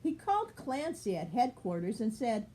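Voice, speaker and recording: A grandmother reads a children's picture book aloud, her slightly high voice shaping each phrase with deliberate expression.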